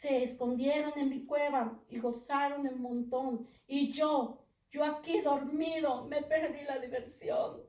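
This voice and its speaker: A woman's voice: high voice, steady tone, unhurried, warm tone. A woman voicing a big, sleepy bear that feels left out, in a whiny, upset tone. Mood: sulky. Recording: echoey room, mic far off.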